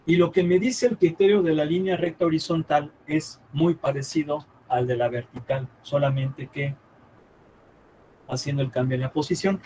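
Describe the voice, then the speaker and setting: A math teacher with a somewhat high voice lectures a live class. He repeats his points, thinks aloud as he draws, and keeps checking whether the students follow. A faint hum of room noise sits behind him. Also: fairly even intonation, mellow, low-quality recording. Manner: checks understanding often with quick questions, repeats himself; thinks aloud while drawing on the board.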